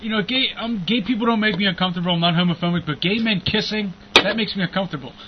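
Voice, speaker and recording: A young man co-hosting a podcast, talking bluntly in crude casual chat and telling stories deadpan. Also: high voice, fast. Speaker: podcast co-host. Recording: muffled lo-fi with faint noise.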